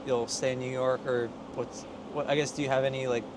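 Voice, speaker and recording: A man interviews people on a city street, asking loose, rambling questions that restart midway. His voice sits at a middle pitch. Clear traffic and city noise fill the background. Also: level tone, fairly quick.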